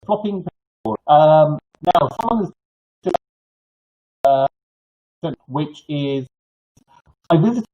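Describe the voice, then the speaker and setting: An older man hosts an informal live clinic in a husky, toothless voice with soft, slurred consonants. He rambles haltingly, often restarting and repeating himself. The sound is dull and lo-fi. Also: on the high side, expressive. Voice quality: toothless, slightly slurred articulation. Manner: halting, rambling delivery with false starts and repetitions. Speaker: gardening clinic host. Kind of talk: informal live advice, answering viewer questions.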